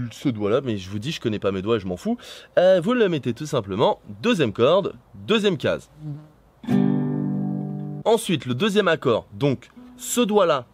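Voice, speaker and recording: A man's voice: on the high side, husky. Chatty young man teaching guitar outdoors. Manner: chatty, self-mocking, rambling asides. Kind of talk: casual guitar tutorial. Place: outdoors on holiday. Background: guitar playing.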